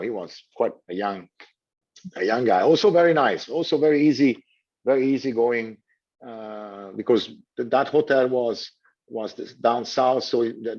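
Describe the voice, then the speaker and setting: A hotel general manager from Switzerland, a native French speaker, answers an interviewer haltingly, stopping, restarting, repeating words and leaning on "you know." His voice sits at an ordinary middle pitch with a darkish tone, and the audio is a little dull and lo-fi.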